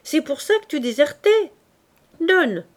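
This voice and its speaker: A woman's voice: high voice, sing-song, measured pace, voice pushed up. Woman doing a barking cavalry sergeant. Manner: loud, barking calls. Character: gruff male cavalry sergeant, barking orders.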